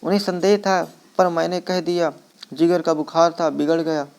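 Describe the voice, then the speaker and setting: Male reader as stubborn older father, firm and dismissive, slightly high voice. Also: steady tone, moderate pace, vocal fry, a little mellow, clean tone. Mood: stern.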